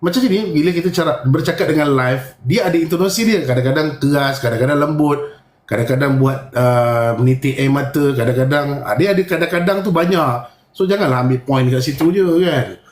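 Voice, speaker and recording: A man's voice: a little high, a little fast, roomy sound. A man with a Malaysian Malay accent hosting a casual live stream, talking bluntly and firmly and mimicking others. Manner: blunt and self-described firm, mimics people. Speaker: live-stream host sharing experiences.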